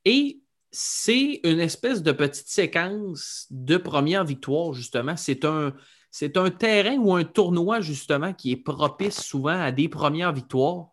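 A man's voice: a little high, animated, measured pace, fairly bright tone. A man with a Québécois accent co-hosting a golf podcast in a casual, chatty style. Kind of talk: casual sports chat.

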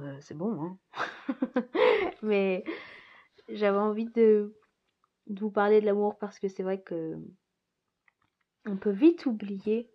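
A woman in a casual reflective monologue as a podcast host, musing and rambling, often laughing. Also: medium pitch. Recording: slightly dull lo-fi recording.

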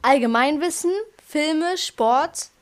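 A woman's voice: sits high, takes it slowly. A young woman moderating a casual quiz game with friends on a video call, bossy and teasing. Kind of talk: casual chat among friends.

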